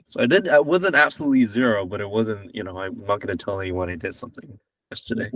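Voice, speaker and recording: A man's voice: on the low side, fast, fairly bright tone, no room sound, far from the mic. Rambling young man from Malaysia. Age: 20s. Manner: rambling, self-correcting, joking. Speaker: podcast guest. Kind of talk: casual chat.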